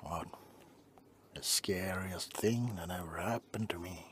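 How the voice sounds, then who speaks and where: A man playing a salty old fisherman in a soft-spoken ASMR roleplay, telling sea tales to kids in a breathy, rambling half-whisper with folksy gruffness. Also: low voice, slow pace, a little hiss or hum. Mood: folksy, teasing.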